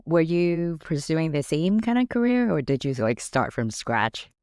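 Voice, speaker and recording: A woman's voice: low-pitched, expressive, measured pace, a little mellow, smooth, no room sound, studio quality. A woman hosting a podcast, reading a scripted intro and then interviewing a guest in a friendly, inviting way. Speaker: podcast host.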